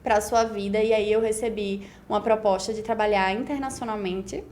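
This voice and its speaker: Slight background noise accompanies a woman's mid-range, somewhat mellow voice, spoken at normal speed with fairly even intonation. In her 20s and from Pernambuco by accent, she speaks Brazilian Portuguese as a beauty pageant winner guesting on a casual podcast, musing in long, run-on stretches and repeatedly adding "né?".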